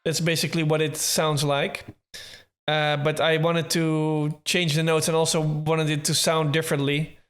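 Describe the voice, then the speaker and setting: Relaxed, fairly high-voiced man explaining. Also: moderate pace. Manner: relaxed, thinking aloud, with small restarts and hedges. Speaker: music producer explaining his track. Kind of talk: casual tutorial talk from a livestream.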